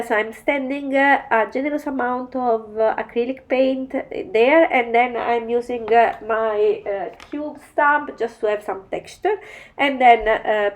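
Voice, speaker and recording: A woman with a bad cold, her voice nasal, talking through a mixed media art tutorial in halting, step-by-step English. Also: on the high side. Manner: halting, explains each step in non-native English. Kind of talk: voice-over craft tutorial narration.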